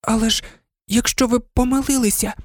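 Man doing a timid young schoolgirl, high hushed voice, dry sound. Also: fairly even intonation, brisk, dry recording. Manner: hesitant, barely audible.

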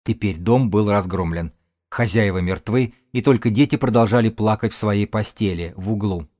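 A male audiobook narrator with a low voice. He reads in a steady, even storytelling manner. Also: moderate pace, dry recording, clean studio sound. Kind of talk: scripted narration.

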